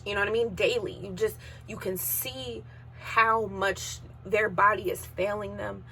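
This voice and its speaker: A woman in her thirties shares a painful personal story on her podcast, her voice bright and forward. She talks in an emotional, unpolished way and at times holds back tears. A faint hum sits under the recording. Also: mid-range voice, fairly even intonation, a little slow. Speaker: podcast host.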